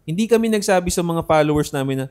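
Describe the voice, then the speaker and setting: A man's voice: a little high, lively intonation, fast, a little mellow. Argumentative man, podcast co-host. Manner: argumentative, repeats "di ba?" often. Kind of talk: casual podcast chat.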